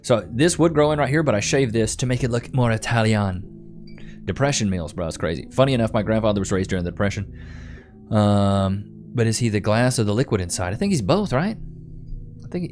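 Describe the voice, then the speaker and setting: Over soft background music, a young man from Texas rambles easily through his live stream, reading comments aloud, repeating himself, and saying "bro." His lowish, slightly mellow voice has a lively lilt and a fairly quick pace.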